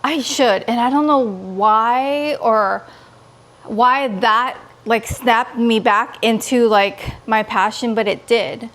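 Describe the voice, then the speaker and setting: A woman from California in her thirties chatting casually to her vlog viewers in an expressive, gushing way. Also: a little high, takes it slowly. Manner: expressive, pleading and gushing, quotes others in dialogue. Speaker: vlogger.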